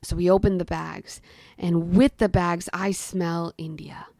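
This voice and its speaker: A woman's voice: on the low side, steady tone, a little slow, mellow, no room sound, studio quality. A young adult woman telling a personal story in a conversational way, often saying "I mean" and "like". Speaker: guest storyteller. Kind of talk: personal storytelling in present tense.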